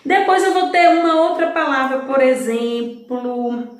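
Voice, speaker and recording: A woman's voice: high voice, measured pace. A woman teaching a recorded lesson to young children, patient and sing-song, spelling out syllables and answering her own questions. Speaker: primary school teacher. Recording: very echoey room.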